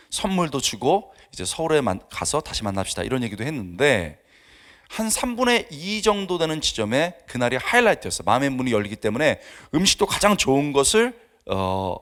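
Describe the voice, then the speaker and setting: A man's voice: mid-range voice, a bit bright. A middle-aged male pastor preaching a sermon, telling a story with acted-out dialogue and sudden drops to a whisper. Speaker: pastor and seminary professor. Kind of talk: dawn service sermon.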